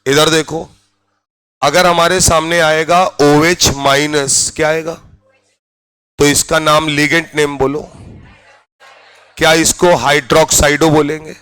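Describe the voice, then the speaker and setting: A man with a Hindi accent lectures on chemistry at a very slow, deliberate pace, his voice sitting a bit higher than usual. He keeps pausing to quiz the class with quick check-in questions. The sound is dry and close, with no room echo. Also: level tone, fairly bright tone, clean tone. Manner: drills students with repeated questions. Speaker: chemistry teacher.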